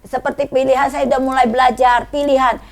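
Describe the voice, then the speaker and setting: A middle-aged woman with a high, brisk, gravelly voice shares a personal testimony in casual conversation. She tells the story with animation, laughs often, and acts out the voices of the people she quotes.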